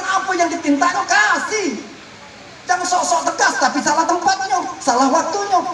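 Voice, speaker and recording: A man delivers a lively sermon, often acting out parents and children and raising his voice. His voice sits high, and it sounds roomy and a little distant. A faint noise runs behind him. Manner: animated, acting out quoted parents and children, bursts of shouting. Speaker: preacher. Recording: echoey room, voice from off-mic, faint noise.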